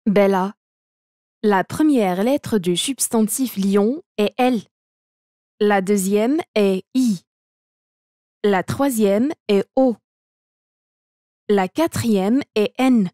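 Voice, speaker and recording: A woman reads a textbook lesson aloud at an unhurried, measured pace. She handles every part of the dialogue and the notation in the same steady, deliberate voice. The recording is close and dry, with no room sound. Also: a little high, no echo. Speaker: reader of a language textbook. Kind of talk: slow textbook read-aloud.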